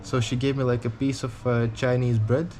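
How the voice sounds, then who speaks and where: A young man in his twenties talks to camera in a casual travel vlog, his voice sitting at an ordinary middle pitch. He rambles candidly and speaks his mind bluntly. A faint ambient hiss runs underneath. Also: little pitch movement, moderate pace, a little mellow. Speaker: touring cyclist vlogger.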